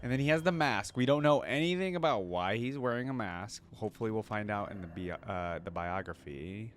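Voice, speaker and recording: Over loud orchestral game trailer and theme music, a man with a lowish voice reacts on camera, talking a little fast with lively intonation. His commentary is casual, enthusiastic and thought aloud, with a bit of hiss or hum in the recording.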